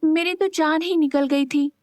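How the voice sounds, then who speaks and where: A woman's voice: high voice, lively intonation, a little slow, dry recording, studio quality, voice pushed up. A woman narrator voicing a caring, emotional young woman who speaks earnestly and with pleading.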